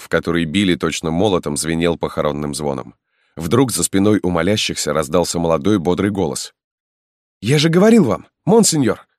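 Deep-voiced man reading a novel aloud. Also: no echo, clean studio sound. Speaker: audiobook narrator. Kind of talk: scripted narration.

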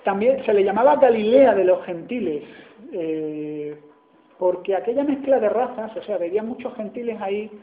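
A man's voice: high-pitched, lively intonation, moderate pace. A man from Spain with an Andalusian accent, preaching a sermon in a chatty way and often asking his listeners "¿no?". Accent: Andalusian Spanish. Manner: conversational, asks "¿no?" often. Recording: echoey hall over a tinny line.

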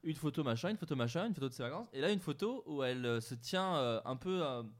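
A man's voice: mid-range voice, expressive, fast talker. A man telling a funny personal anecdote to friends around a table, with lots of fillers and laughs. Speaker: podcast co-host. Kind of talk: casual storytelling chat.

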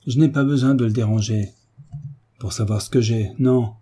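A man's voice: medium pitch, fairly even intonation, moderate pace, dark tone, breathy edge, close to an everyday voice. A man voicing a frail, dying old marquis who speaks weakly and breathlessly. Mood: weary. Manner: weak, breathless.

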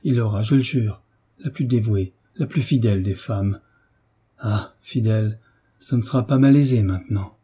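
A man reading the anguished letter of a remorseful young woman in a storybook, in his own low, dark voice. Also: normal speed, breathy edge. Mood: despairing. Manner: anguished letter read aloud.

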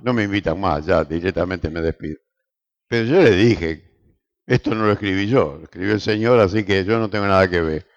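An older man with a Rioplatense Spanish accent, a pastor giving an animated, joking sermon full of rhetorical questions. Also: deep voice, dull audio.

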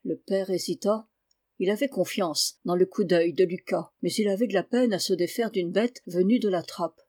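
A woman narrating a classic children's novel aloud in a calm, measured reading. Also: fairly low pitch. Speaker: audiobook reader. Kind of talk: storybook narration.

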